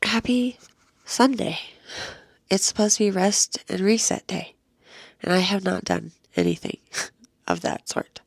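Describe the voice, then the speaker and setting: A woman's voice: mid-range voice, no room sound, clean studio sound. A tired, sleepless middle-aged woman with a crackly voice, talking casually in a personal vlog and reading a card aloud, sometimes sinking into a whisper. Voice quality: crackly, gravelly voice. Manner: tired, slow, at times dropping to a whisper. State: exhausted and sleepless. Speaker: vlogger.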